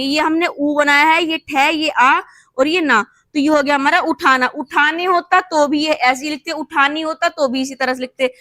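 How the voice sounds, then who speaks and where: This is a woman's high voice with a sharp tone, recorded dry. She teaches shorthand at a board, explaining each step patiently as she writes. Steps get repeated, and she checks in with the class by saying "thik hai."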